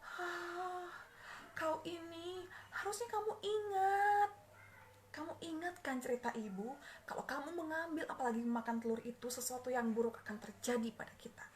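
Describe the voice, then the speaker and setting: A woman's voice: extremely high pitch, normal speed, a little hiss or hum, pitched above the performer's own voice. A woman voicing a caring older sibling in a told story, coaxing and anxious by turns. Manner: coaxing, then anxious and soothing.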